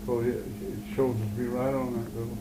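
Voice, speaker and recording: An older man with a mid-pitched voice reminisces in a casual interview. He tells things in a halting, folksy way. The old amateur recording has clear background noise. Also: little pitch movement.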